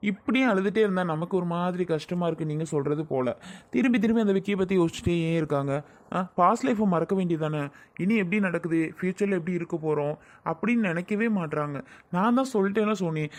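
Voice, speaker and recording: A woman's voice: on the low side, animated, fast talker, lightly acted. A woman playing a young male groom in an amateur family drama skit, patient and reassuring, repeating the same point. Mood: coaxing.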